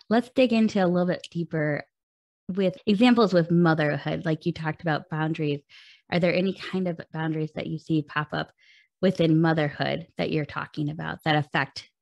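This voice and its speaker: Low gravelly-voiced woman podcast host. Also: fairly even intonation, moderate pace, a little mellow, no room sound, dull audio. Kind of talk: interview conversation.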